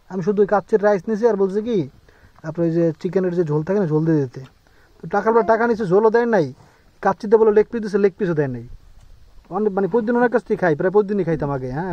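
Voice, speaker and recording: A man's voice: on the high side, darkish tone, no room sound, dull audio. A young man chatting casually to viewers in a family vlog outdoors at a rural home, coaxing his small son along the way. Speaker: family vlogger.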